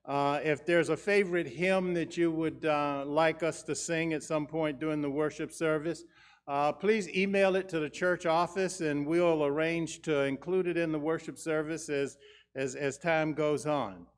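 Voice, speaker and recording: A man speaking as a pastor leading a church service, measured and solemn in his delivery of announcements and liturgy. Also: fairly high pitch, fairly even intonation. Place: church sanctuary.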